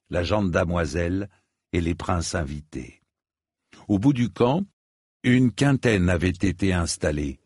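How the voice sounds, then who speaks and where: Slow, husky male audiobook narrator. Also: sits low, darkish tone, dry recording, studio quality. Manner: measured, storytelling. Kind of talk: scripted narration.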